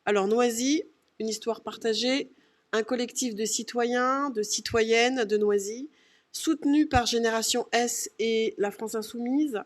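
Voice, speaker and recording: A woman hosts a political discussion show. Her voice sits a little high, and she asks her questions in a formal, steady way. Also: unhurried. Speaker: host.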